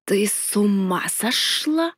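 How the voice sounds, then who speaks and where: A woman's voice: mid-range voice, expressive, slow pace, fairly bright tone, husky, dry recording, clean studio sound, exaggerated voice. A woman voicing a grumpy, sly male dragon in human form who grumbles and snaps. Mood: annoyed. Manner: grumbling, snapping.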